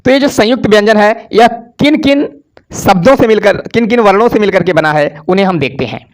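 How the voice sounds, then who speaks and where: In a high, brisk voice, a male teacher gives an exam-prep grammar lesson. He poses questions and answers them himself, and has students repeat sounds after him.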